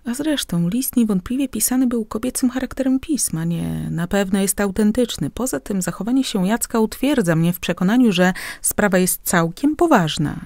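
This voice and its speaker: A sly, worldly middle-aged uncle, read by a woman who talks down to his niece in smooth, patronizing tones. The voice is mellow and dark-toned, set in a dry, close audiobook recording. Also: mid-range voice, lively intonation, moderate pace, few pauses, dry recording, voice pushed up, close to an everyday voice. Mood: conspiratorial. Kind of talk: audiobook character reading.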